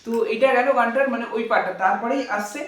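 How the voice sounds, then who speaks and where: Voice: mid-range voice, fast. A guitar teacher giving a casual spoken lesson, talking in a loose, repetitive way and checking in with the viewers. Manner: chatty, repetitive, checks in with "clear?"; hums and sings chord parts instead of words. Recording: echoey room, distant mic, loud guitar. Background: guitar and amp playing.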